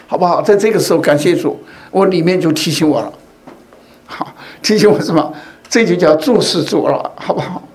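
A man's voice: high-pitched, darkish tone. A man giving a sermon in a conversational way, telling a personal story and often asking his listeners rhetorical questions. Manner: tells personal stories to make a point. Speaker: preacher.

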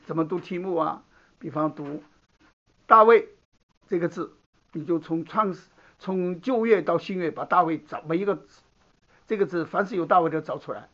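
A man with a fairly high, somewhat bright voice preaches a Bible sermon at normal speed, leaving long pauses as he teaches conversationally. He keeps checking in with the room by asking "好不好", and the recording is dull and lo-fi.

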